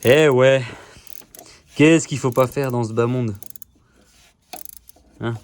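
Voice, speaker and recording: Recorded on a phone camera, this man is a DIY car repair vlogger working on his car and talking the whole time, cracking jokes and cursing a lot. He speaks slowly in a steady, slightly mellow mid-range voice, keeping the self-filmed video casual and chatty.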